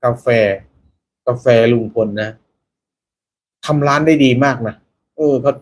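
A man's voice: mid-range voice, slow pace, a little hiss or hum. A man hosting a casual live stream, chatting with viewers and reading out their names, peppering his talk with polite particles.

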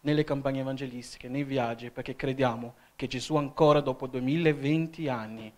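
A man's voice: medium pitch, fairly even intonation, brisk. A man from Italy preaching a sermon as an evangelist in a church, often calling "Amen?" to the congregation. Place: church hall.

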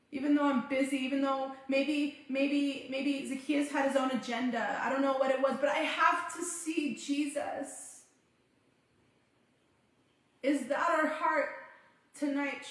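A woman pastor preaching a fervent sermon, repeating phrases for emphasis. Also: sits high. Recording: very echoey room.

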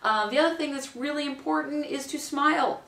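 A high-voiced woman in her forties, speaking a little fast with vocal fry, works as a wedding minister and offers hands-on training to camera. She's chatty and acts out people's lines with a bright lilt. A camera mic at a distance in a small room at home makes the sound roomy.

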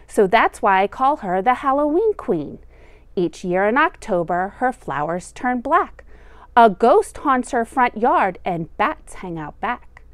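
With a mid-range voice, a woman teacher in middle age narrates a children's picture book slowly and expressively, like a storyteller. It is a dry recording.

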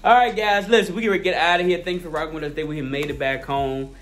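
A man's voice: on the high side, steady tone, fast talker, fairly bright tone. A man hosting a casual family vlog at home, teasing and cooing at a baby before speaking straight to viewers. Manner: playful baby talk to an infant, then a direct address to viewers. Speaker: vlog host.

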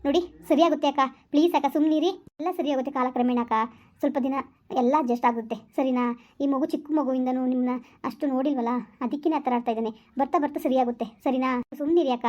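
A woman's voice: high-pitched, steady tone, fast, dark tone, dull audio, lightly acted. A woman playing a kind young village woman who soothes and reassures. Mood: soothing. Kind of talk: village family skit acting.

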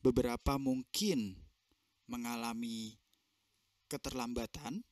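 A man's voice: medium pitch, fairly even intonation, takes it slowly, darkish tone, no echo, studio quality. A man giving consecutive interpretation of a seminar over a video call, translating phrase by phrase with fillers and self-corrections.

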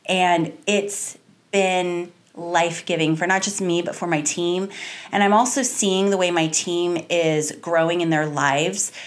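A woman's voice: on the low side, steady tone, a little slow. A woman in her thirties, a salon owner, talking as a podcast guest in an earnest, reflective way, stringing long thoughts together, recorded on a desk mic in a small studio. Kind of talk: podcast interview. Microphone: studio mic on a desk stand, wearing headphones.

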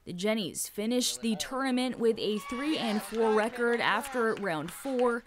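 A woman reading a scripted sports recap voice-over, in an even tone. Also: fairly high pitch, unhurried, a little hiss or hum. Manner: even, reads scores and results. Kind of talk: scripted narration.

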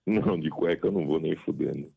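Man in his 50s over the phone, deep, gravelly, husky, blunt and cussing. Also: fast talker, warm tone. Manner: blunt, swears freely, firm refusals. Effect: heard over the phone. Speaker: prank call target. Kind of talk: casual phone chat.

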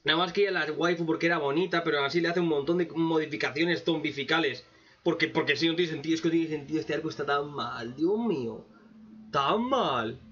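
A man giving a sarcastic, profane anime commentary rant, with mocking asides and sudden loud outbursts. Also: on the high side, a little fast, slightly rough. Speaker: anime reaction youtuber. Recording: dull lo-fi mic.

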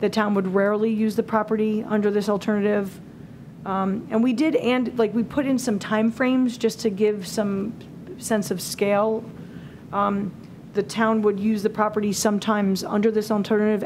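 Using a table mic at a public meeting in a town hall auditorium, a woman in her forties walks a committee through a scoring rubric, filling her speech with fillers and restarts. She has a mid-range, level, slightly mellow voice at a normal pace, and there's a bit of background noise.

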